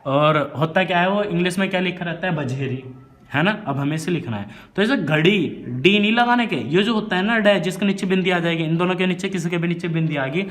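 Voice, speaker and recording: A man's voice: high voice, a little fast, a bit bright. A man teaching a spelling lesson who keeps quizzing his student, repeating each answer and checking "right?". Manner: adds frequent "right?" check-ins.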